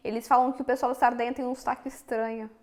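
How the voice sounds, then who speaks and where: A young Brazilian vlogger with a Minas Gerais Portuguese accent chats frankly and directly to her viewers to camera. Her voice is on the high side and darkish, level in tone, and she talks at a racing speed.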